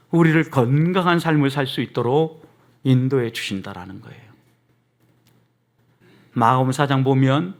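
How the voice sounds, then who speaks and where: A middle-aged pastor with a medium-pitched voice preaches a sermon, often calling out to the congregation. He moves between soft asides and emphatic rises.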